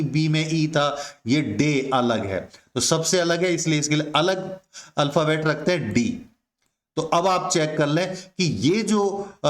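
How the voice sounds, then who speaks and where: Male teacher, higher voice, unhurried, explaining step by step in an echoey room. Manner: slow, repetitive, addresses students as my dear friends. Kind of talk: explaining a poem to students.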